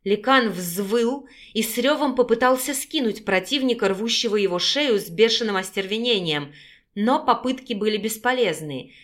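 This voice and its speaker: A woman narrating an audiobook in a steady, even storytelling voice. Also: on the high side, normal speed. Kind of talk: scripted narration.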